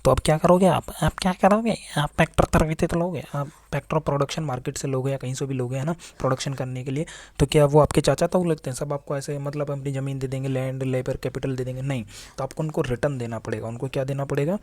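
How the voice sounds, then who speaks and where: A young male teacher gives a casual classroom lecture in a warm, mellow voice. He keeps asking his students questions and answering them himself. The sound is close and dry, with little room in it. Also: medium pitch, fairly even intonation, quick pace, no echo.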